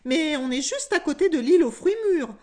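Storybook: a squeaky, sly monkey, high and fast, played by a woman. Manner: squeaky, excitable, quick. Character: cheeky greedy male monkey, quick and clever.

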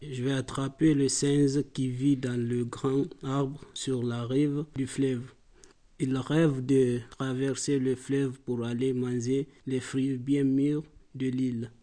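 Une femme jouant un jeune crocodile lent et grave. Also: female voice, level tone, warm tone. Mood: scheming. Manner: slow, heavy, booming. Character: slow-witted young male crocodile, menacing.

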